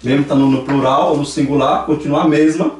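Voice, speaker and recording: Fast and steady, with a fairly high pitch and a slightly mellow quality, a man teaches a language class in a church classroom. He has a Brazilian Portuguese accent and works through examples aloud, repeating them patiently as he explains. The room is echoey and the microphone distant.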